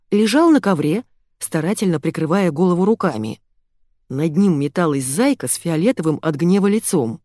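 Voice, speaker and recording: Lively, low-voiced woman narrator. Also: no echo, studio quality. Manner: lively, ironic storytelling. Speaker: audiobook narrator. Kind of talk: first-person comic audiobook narration.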